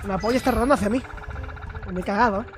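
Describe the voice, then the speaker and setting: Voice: mid-range voice, very fast, music in the background. A streamer from Spain with a Spanish accent, chatting casually while playing and answering chat, swearing and exclaiming freely. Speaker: gaming streamer. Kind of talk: casual let's-play chat with chat replies.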